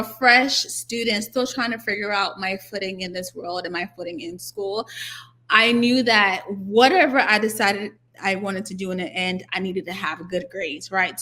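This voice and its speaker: A woman's voice: mid-range voice, pushed and bright. A young woman in her twenties, originally from Nigeria and raised in the US, answering interview questions thoughtfully, with fillers and restarts. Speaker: guest, doctoral student.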